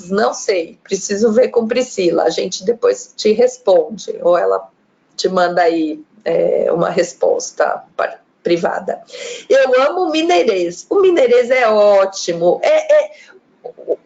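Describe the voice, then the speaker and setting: Woman presenter for an online talk: slow, chatty delivery that acts out the sounds, dull lo-fi stream audio. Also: medium pitch, creaky, a little mellow. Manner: chatty, demonstrates regional pronunciations. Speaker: lecturer on pronunciation. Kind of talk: live online talk, reading viewer comments.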